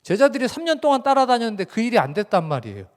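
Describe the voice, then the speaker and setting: A man's voice: extremely high pitch, wildly swooping pitch, very fast. A young man preaching a sermon as pastor in a conversational way, speaking directly to his congregation in a church sanctuary. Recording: reverberant church hall.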